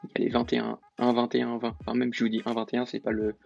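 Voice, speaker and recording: A man's voice: mid-range voice, completely flat delivery, fast, vocal fry, darkish tone, dull audio. A man explaining a trading lesson in a casual, hesitant way, with many fillers and self-corrections. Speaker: trading tutor. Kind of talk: casual screen-recorded lesson.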